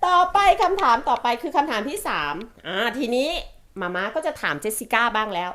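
A woman in her forties hosting a casual family vlog, animated and laughing often as she coaxes her daughter through questions. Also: on the high side, fairly quick. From Thailand. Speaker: vlog host, mother.

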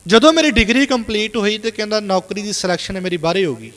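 A high-pitched, animated man talks fast in a slightly bright voice that echoes as if in a big room. He is a Sikh preacher from Punjab, India, telling a moral story during a sermon, constantly relaying what others said with repeated "he said" tags.

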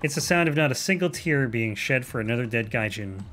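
A man's voice: mid-range voice, animated, brisk, a bit bright, faint music behind, lightly acted. A man voicing a crude, bullying middle-aged samurai who hurls sneering threats. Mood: mocking.

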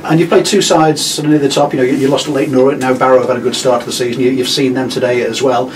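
A club media interviewer questions a player after a match, speaking at a racing pace in a mid-range voice with little pitch movement. His questions are long, rambling, and full of fillers, caught on a distant mic with room noise.

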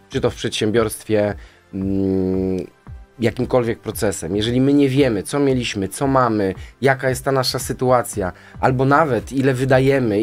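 Man, finance guest, rambling answers, studio mic, faint music underneath. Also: mid-range voice. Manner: rambling, tags statements with "nie?". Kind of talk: radio interview answers. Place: radio studio. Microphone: studio boom mic.

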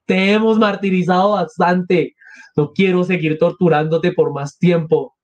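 A man voicing a frantic, consumptive noble mother, shrill and breathless. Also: steady tone, unhurried. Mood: bitter.

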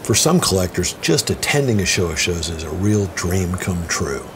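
A man giving a smooth, scripted promotional narration as a voice-over. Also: deep voice, sing-song, moderate pace, background noise. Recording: voice-over with music underneath.

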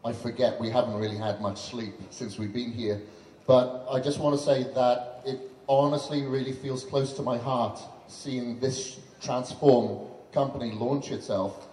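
A man in his thirties speaks on stage through a handheld mic in a big event hall. His voice is mellow and dark, and his talk is earnest and chatty. Long reverb rings around him, with a faint hum of noise behind. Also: medium pitch, little pitch movement, measured pace. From Western country. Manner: chatty, earnest, many fillers like "you know". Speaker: fitness trainer and guest speaker. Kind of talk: on-stage speech at a launch event. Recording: roomy hall echo with faint background noise.

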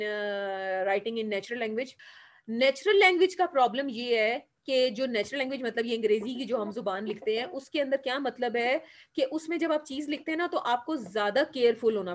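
A woman with a Pakistani Urdu accent giving a classroom lecture, explaining step by step, asking the class questions and answering them, and mixing English terms into her Urdu. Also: on the high side.

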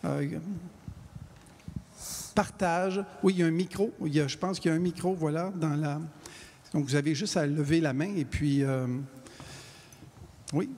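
A man moderating a Q&A on stage with a handheld mic, halting with many fillers. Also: fairly high pitch, steady tone, a little mellow. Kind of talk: hosting a post-show Q&A. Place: stage of a large hall. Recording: long hall reverb, faint noise.

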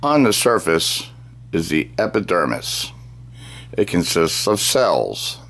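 A middle-aged man presenting a scripted science demonstration, speaking deliberately as if dictating, phrase by phrase. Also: deep voice, big pitch swings, fairly bright tone. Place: small cluttered indoor workroom.

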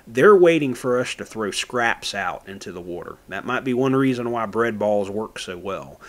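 A man's voice: lowish voice, lively intonation, normal speed, fairly bright tone. A man from Florida narrating his own fishing footage in a plain, folksy how-to manner. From Florida, USA. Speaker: fishing channel host.

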